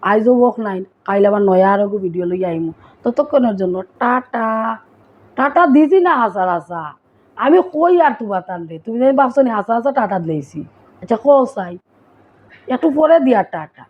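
Husky Sylheti-accented woman vlogger. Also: medium pitch, highs cut off. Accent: Sylheti Bengali. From Assam, India. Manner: chatty, playful, talks straight to viewers. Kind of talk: casual explainer vlog.

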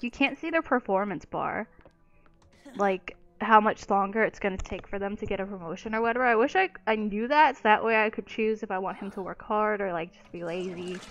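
A fairly bright, medium-pitched female voice comes from a young woman doing a let's play of a life-sim game. She comments casually with lots of exclamations and free swearing.

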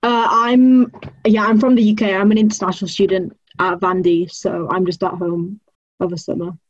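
A young woman from northern England, a student panelist, gives a casual interview answer from her small bedroom, dropping fillers like "like" and "uh." Her medium-pitched voice is flat and moves at a normal speed. The laptop webcam recording is dry, with the highs cut off.

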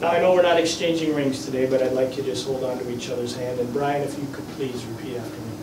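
A male [name] impersonator officiates a vow renewal in a small indoor wedding chapel, sounding ceremonial and playful. His mid-range voice is steady and fast, picked up by a distant camera mic in an echoey room with faint background noise.

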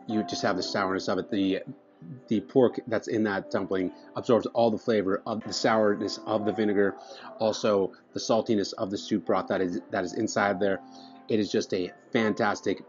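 A food vlogger in his thirties sits at a restaurant table reviewing dishes to camera, his lowish voice eager and chatty as he keeps restarting phrases between bites. The indoor dining room recording sounds slightly dull, with faint music in the background.

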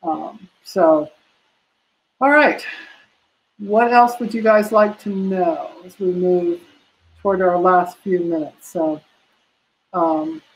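An older American woman, a prenatal massage instructor, teaches a live online massage class from a room at home, answering questions in a practical, chatty way full of fillers. Her fairly low voice is slow and pauses often. The audio is poor, captured by a laptop webcam on a video call.

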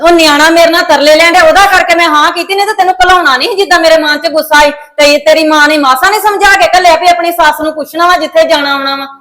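A woman's voice: very high voice, fairly even intonation, a bit bright. A middle-aged woman playing a stern mother-in-law who lectures and nags her daughter-in-law. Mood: scolding. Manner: nagging, lecturing, rapid.

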